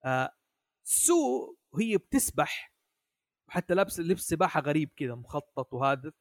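Man, casual chat, fairly high pitch, dry sound, hesitant with restarts. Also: very animated, normal speed, no room sound. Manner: hesitant, many restarts, asks "حلو؟" often. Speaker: podcast guest. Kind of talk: casual chat about an anime.

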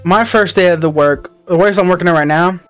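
A young man hosts a casual chat with friends, his voice sitting a little high. He rambles, restarts his sentences and swears freely as he tells stories about work. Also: brisk, fairly bright tone, soft background music. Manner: rambling, profane, restarts often. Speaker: podcast host.

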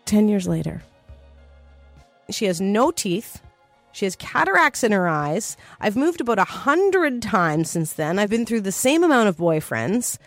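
A woman's voice: mid-range voice, very animated, a little slow, no echo, faint music behind. Earnest woman telling a personal story. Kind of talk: personal story told to an audience.

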